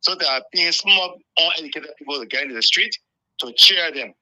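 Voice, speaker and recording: A man's voice: on the high side, fairly quick, sharp tone. A Liberian man calling in to a talk show, earnest and repeating himself as he makes his point. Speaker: caller. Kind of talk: call-in radio talk. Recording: dull lo-fi phone call.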